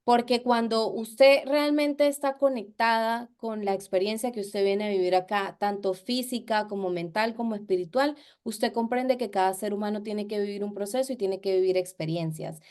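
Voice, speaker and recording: A woman co-hosting a podcast discussion, reflective and measured as she explains her view at length. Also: mid-range voice, fairly even intonation, darkish tone. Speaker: podcast co-host.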